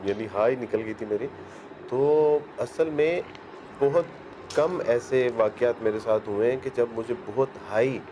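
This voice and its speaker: A man from Pakistan, a guest in an interview, who chimes in to finish sentences and pauses with fillers. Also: medium pitch, mellow, a little hiss or hum. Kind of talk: interview conversation.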